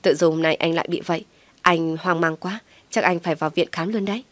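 A woman's voice: on the low side, steady tone, fairly quick, dry recording, close to an everyday voice. A woman voicing a flustered young husband who pleads sheepishly in an audio story.

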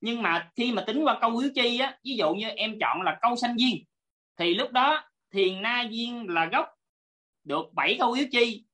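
A woman's voice: on the high side, lively intonation, normal speed, fairly bright tone. A woman teaching an online class over a video call, politely explaining step by step and repeating her points.

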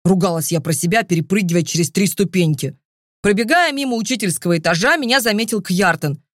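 Lively woman reading a fantasy audiobook. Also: mid-range voice, quick pace, no echo, clean studio sound. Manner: lively, expressive storytelling. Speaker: audiobook narrator. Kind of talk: first-person fantasy audiobook narration.

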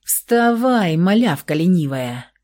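A woman's voice: on the low side, very animated, slow, darkish tone. A woman reading aloud and voicing a playful younger vampire brother who teases cheerfully. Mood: teasing. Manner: teasing, cheerful.

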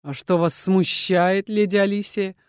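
A woman voicing a sardonic male dragon inquisitor who speaks in a slow, low, mocking drawl. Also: animated, darkish tone, no echo, clean studio sound, lightly acted. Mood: sarcastic.

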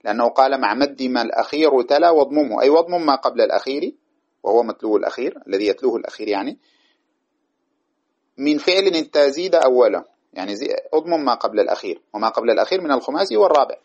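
Male teacher, mid-pitched, patient and methodical, reciting verses and drilling examples; dull lo-fi take. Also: expressive, a little mellow. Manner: recites verse lines and repeats examples slowly. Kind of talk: classical grammar lesson. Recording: dull lo-fi recording.

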